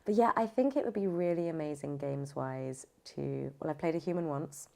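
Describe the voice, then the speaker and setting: A woman who's a voice actor, audiobook narrator, and podcast guest speaks casually in an interview, emphatic and often rephrasing as she goes. Her low voice is gravelly with a darkish tone and a slightly fast pace.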